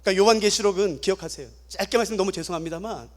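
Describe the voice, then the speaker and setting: A man's voice: sits high, very fast. A man pastor preaching a dramatic sermon at a prayer meeting, often questioning the congregation.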